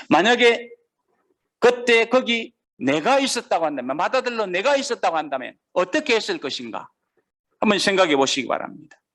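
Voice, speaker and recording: A man preaching a sermon as pastor, reading scripture aloud slowly and putting questions to the congregation. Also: high-pitched, a bit bright.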